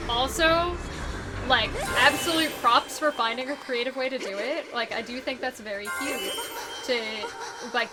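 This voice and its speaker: A woman's voice: high-pitched, noisy background. A woman streaming a video game, chatting casually and rambling, with lots of fillers and restarts. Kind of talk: casual live-stream commentary. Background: game music.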